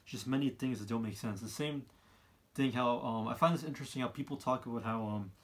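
A man, giving his opinions in a casual monologue, halting and often repeating himself as he rambles. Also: medium pitch. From Canada. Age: 20s. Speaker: vlogger, college student. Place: small room indoors, seated by a wall.

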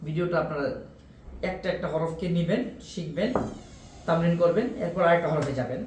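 A high-pitched man with a Bangladeshi Bengali accent leads a pronunciation lesson, repeating each Arabic letter sound several times and checking in with his students. His voice rings in a roomy, echoing space. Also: darkish tone, a little hiss or hum. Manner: repeats Arabic letter sounds slowly, explaining mouth positions; often checks in with "okay?". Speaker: Quran recitation teacher.

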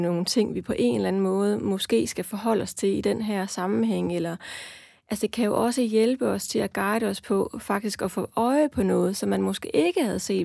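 A woman's voice: medium pitch, vocal fry, mellow, no echo, clean studio sound. A woman researcher explaining her view in a panel discussion, hesitant, with many fillers and restarts.

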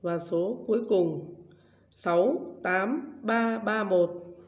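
Woman, math teacher, very slow, digit-by-digit dictation. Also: medium pitch, a little mellow. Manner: reads numbers digit by digit, then in full. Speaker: primary school math teacher. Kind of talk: slow dictation-style lesson.

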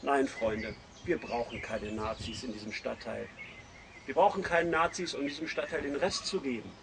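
A man's voice: mid-range voice, moderate pace, vocal fry, noisy background. A man with a northern German accent reading his own satirical column aloud in a sardonic, mocking way.

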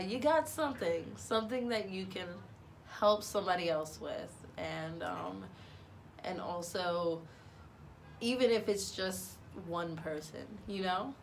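Young woman, vlogger, chatty, rambling, upbeat, self-deprecating, faint background noise. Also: lowish voice. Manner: chatty and rambling, with many "like"s and restarts. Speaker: cosplay vlogger. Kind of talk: casual motivational vlog.

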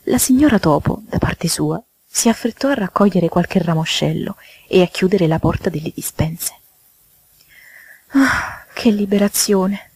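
Woman reading a fairy tale, soft half-whisper, lowish husky voice, dry close sound. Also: animated, normal speed, few pauses, no room sound. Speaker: storyteller.

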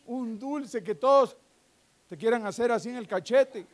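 Very high-voiced preacher man. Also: a little slow. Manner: fervent preaching with joking asides, swinging between loud and hushed. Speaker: pastor. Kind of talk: live sermon. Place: church sanctuary. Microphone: handheld microphone.

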